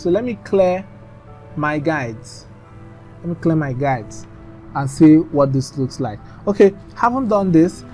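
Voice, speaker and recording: A man's voice: on the high side, darkish tone. Chatty man teaching a design tutorial. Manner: chatty, instructive, trailing off into mumbles. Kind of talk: screen-recorded design tutorial.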